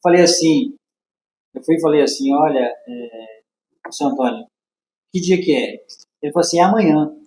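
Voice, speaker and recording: Brazilian guy telling a funny story, acting out the lines, mellow tone, roomy echo. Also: fairly high pitch, normal speed, pauses often. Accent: Brazilian Portuguese. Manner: animated, acts out dialogue with laughs. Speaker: podcast guest. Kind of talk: casual storytelling. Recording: echoey room.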